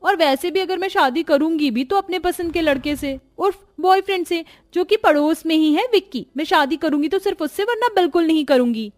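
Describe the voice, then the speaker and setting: A woman's voice: a little fast, few pauses, darkish tone. A woman voicing a lazy, scheming young married woman in a cartoon, talking in a bratty, cheeky way. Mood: defiant. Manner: bratty and cheeky, high and sing-song. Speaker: sister-in-law character. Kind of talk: cartoon voice acting.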